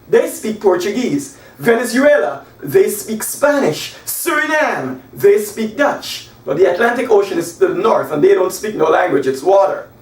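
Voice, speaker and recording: A high-pitched man in his forties from Guyana teaches English in a small whiteboard room, animated and gesturing, slowly and emphatically spelling out example sentences. The echoey recording comes from a camera positioned across the room, making his voice distant.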